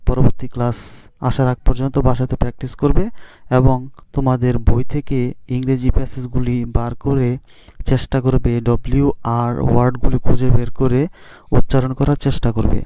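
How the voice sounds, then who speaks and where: A man's voice: medium pitch, mellow, no room sound. A man teaching an English reading lesson to students. He spells words letter by letter and keeps asking the class how to say them. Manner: spells out letters slowly and asks students questions. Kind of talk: classroom lesson on phonics rules. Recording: dry, dull lo-fi sound.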